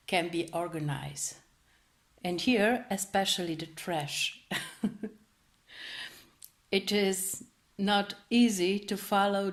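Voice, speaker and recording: A woman gives a personal account in slow, careful English. She pauses often and searches for the right words. Her voice sits in a middle pitch. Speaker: interviewee. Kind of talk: personal testimony to camera.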